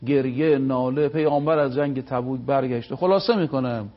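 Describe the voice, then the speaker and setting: A man giving a religious talk on a live TV program. He tells moral stories and recites sayings slowly, stressing each word. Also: medium pitch, highs cut off. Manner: preaching, storytelling, slow stressed recitation of sayings. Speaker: religious speaker.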